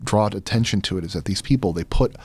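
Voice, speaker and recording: A man in his thirties, an audio drama creator appearing as a podcast guest, speaks earnestly and emphatically in a quick, low-leaning voice that's a little mellow with a breathy edge. He's indoors in a small podcast studio, close on a studio microphone and wearing headphones.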